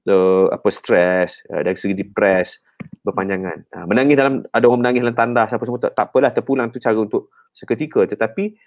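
A man with a Malaysian accent, a counselor guest on a radio talk show, explaining in an animated, teacherly way with frequent "ha" and "kan" tags, in a radio studio. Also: lowish voice, quick pace, muffled recording.

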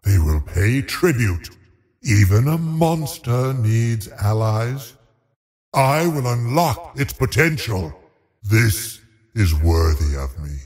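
A man voicing a cold, haughty undead lich sorcerer in a video game, speaking in a menacing, theatrical, deliberate way as he savors his cruelty. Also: mid-range voice, animated, a little mellow, in a large hall. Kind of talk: video game villain voice lines.

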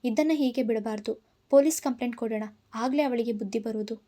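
A woman's voice: a little high, fast, mellow, natural voice. Give me a woman voicing an indignant young woman friend, in a storybook reading. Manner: indignant, urgent. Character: hot-tempered loyal young woman friend.

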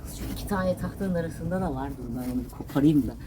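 Her voice is deep and she talks fast, with noise behind her. She's a Turkish vlogger doing housework and gardening, keeping up a casual conversation with viewers, pets and plants alike.

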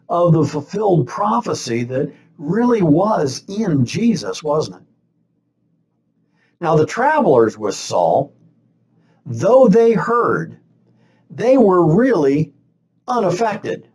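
Slow, lively-pitched older man preaching. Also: husky. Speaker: pastor. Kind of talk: sermon. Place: small chapel set with stained-glass backdrop, indoors. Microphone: webcam facing him at desk distance.

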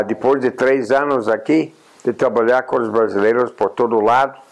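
In a plain room indoors, an American man in his eighties speaks at medium pitch over poor audio. The native English speaker, a journalist and honorary consul, gives a reflective interview, taking his time and often pausing with "ah" before restarting.

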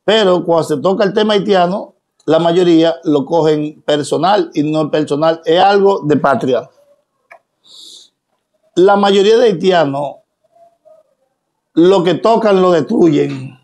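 Dominican guy ranting to his followers, kinda high voice, lots of rhetorical questions. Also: a little slow, pauses often, darkish tone. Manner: emphatic, preachy, rhetorical questions. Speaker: social media personality. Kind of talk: direct-to-camera monologue.

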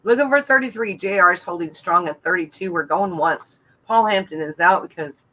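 A woman co-hosting a live coin auction, playful and quick to laugh. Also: on the low side, sharp tone, poor audio. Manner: slow, playful, laughs often. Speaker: auction co-host. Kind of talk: casual live auction banter.

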